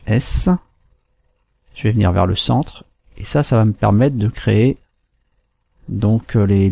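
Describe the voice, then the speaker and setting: A man from France hosting a screen-recorded software tutorial, walking through steps calmly with fillers and restarts. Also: lowish voice, creaky, no echo. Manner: unhurried, step-by-step with fillers and restarts. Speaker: tutorial host.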